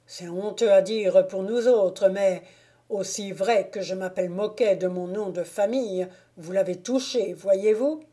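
A stubborn old gamekeeper grumbles about mischief and deviltry in the woods, voiced by a woman reading aloud. He talks in blunt, emphatic bursts with a mellow, warm tone. The reading stays slow and deliberate. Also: mid-range voice, natural voice. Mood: insistent. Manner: emphatic, gruff exclamations. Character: stubborn older male gamekeeper, blunt and superstitious.

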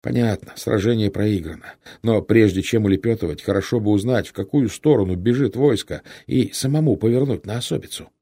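A man reading a historical novel aloud in steady, measured narration. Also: on the low side, breathy edge. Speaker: audiobook narrator. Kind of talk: scripted narration.

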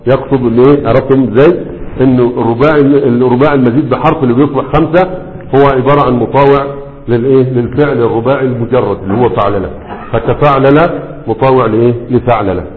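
A man's voice: mid-range voice, quick pace, a little hiss or hum. A man with an Egyptian Arabic accent teaching Arabic morphology to a class, often asking questions and then answering them himself. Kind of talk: classroom lecture. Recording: tinny, phone-like, long hall echo.

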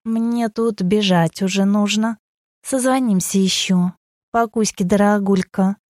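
A woman's voice: mid-range voice, steady tone, unhurried, a little mellow, dry recording, clean studio sound, lightly acted. A woman voicing a playful young woman who teases her friends and flares up when pushed. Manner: teasing and wheedling, flaring into anger. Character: sleepy playful young woman with a fiery temper.

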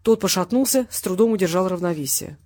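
A woman narrating a crime novel as an audiobook, in an even, measured reading. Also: lowish voice.

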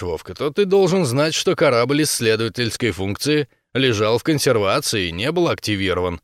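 A man voicing a grim, stubborn young male warrior who talks in a gruff, brooding way. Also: medium pitch, fairly bright tone, no room sound, clean studio sound, lightly acted.

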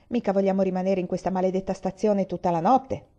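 An awkward, anxious young Englishman, read by a woman in a spoken short story, his words coming out flustered and pleading. The tone stays mellow and soft-edged. The recording sounds dull and muffled. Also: mid-range voice, steady tone, fast talker, close to an everyday voice. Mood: impatient.

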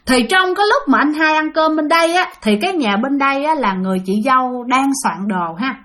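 A woman's voice: high-pitched, expressive, a little fast, fairly bright tone. A woman with a Southern Vietnamese accent telling a ghost story in a chatty, casual way, often addressing her listeners directly.

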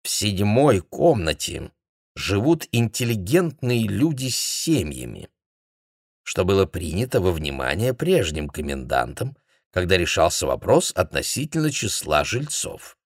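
A man's voice: lowish voice, big pitch swings, moderate pace, a bit bright, no room sound, clean studio sound, pitched above the performer's own voice. A man doing a pompous, nagging intellectual. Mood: complaining. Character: bilious, pompous middle-aged male intellectual.

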